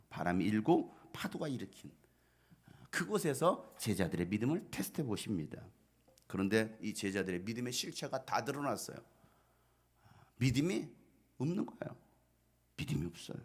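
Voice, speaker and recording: A man's voice: fairly low pitch, big pitch swings, fairly quick, breathy edge. A male pastor giving a conversational sermon and asking the congregation rhetorical questions.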